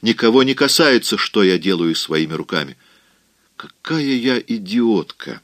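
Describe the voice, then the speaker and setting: Scarlett O'Hara, a sharp-tongued young belle, voiced by a man. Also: low-pitched, expressive, brisk, no room sound. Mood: indignant. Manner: sharp, mocking and coquettish by turns. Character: proud hot-tempered young Southern belle woman. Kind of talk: audiobook character voicing.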